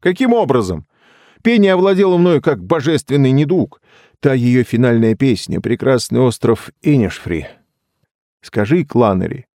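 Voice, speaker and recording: A man's voice: mid-range voice, sing-song, mellow, no echo, studio quality, pitched above the performer's own voice. A man doing a weepy, solemn dreamer. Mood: grandly solemn. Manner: slow, weepy and grandly solemn. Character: sentimental tearful young Irish man.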